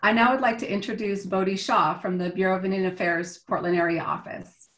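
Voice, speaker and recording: A woman's voice: mid-range voice, steady tone, fairly quick, a bit bright. Woman hosting in an echoey room. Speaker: event host. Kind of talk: formal introductions. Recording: roomy echo.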